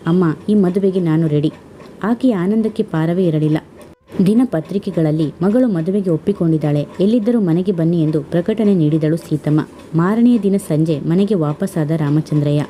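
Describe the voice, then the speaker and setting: A woman reads a story aloud at a steady pace. Her voice is low and warm-toned, with a faint hiss of noise behind it. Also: moderate pace. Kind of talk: scripted narration.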